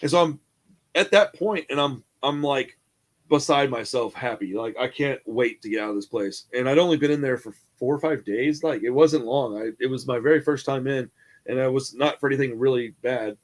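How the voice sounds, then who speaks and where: A man's voice: medium pitch, moderate pace. A man telling a rambling jail story on a casual hangout show, swearing freely and acting out the people in it. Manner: animated, profane, acts out the people in his stories. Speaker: podcast co-host.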